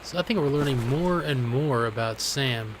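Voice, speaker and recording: A man in his late twenties giving casual let's-play commentary, musing quietly and sometimes bursting out excitedly. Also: mid-range voice, moderate pace, background noise. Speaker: gaming video host.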